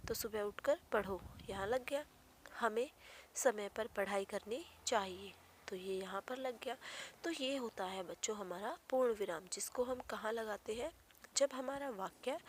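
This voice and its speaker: A woman's voice: a little high, slight background noise. A woman teacher giving a grammar lesson to young children, explaining patiently and repeating key points. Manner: patient, repetitive explaining with frequent "ठीक है".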